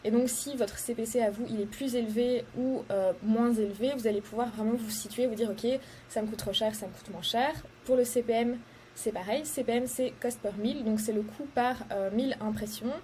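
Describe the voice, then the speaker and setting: A woman's voice: a little high, steady tone, brisk, warm tone, a little hiss or hum. A young woman from Belgium explaining ad metrics in a casual tutorial, hesitant and full of fillers, going step by step. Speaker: social media ads coach. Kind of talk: casual tutorial talk to camera.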